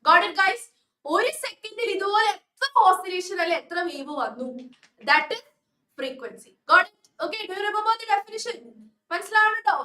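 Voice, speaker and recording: A woman's voice: very high voice, animated, takes it slowly, bright, forceful tone, roomy sound, far from the mic, a little hiss or hum. A young woman tutor with a Malayali English accent, teaching a live online class and often checking that students follow. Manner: coaxing, checks understanding often.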